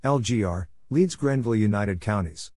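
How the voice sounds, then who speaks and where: With a slight hiss or hum in the background, a man with a lowish, somewhat mellow voice and lively intonation reads at normal speed. He's a Morse code practice instructor working through a script of spelled codes and place names, letter by letter in short, separate phrases.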